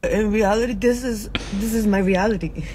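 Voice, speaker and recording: A crying woman in her forties speaking haltingly into her phone, recorded inside a car. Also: mid-range voice, steady tone, darkish tone, low-quality recording. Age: 40s. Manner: halting, pausing speech. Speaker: social media poster. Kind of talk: tearful confessional selfie video. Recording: phone audio with car noise.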